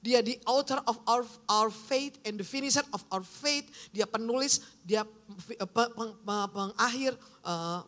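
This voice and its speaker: A woman pastor preaching a lively, joking sermon at a church service. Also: fairly high pitch, unhurried. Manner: lively, joking, acts out quoted voices.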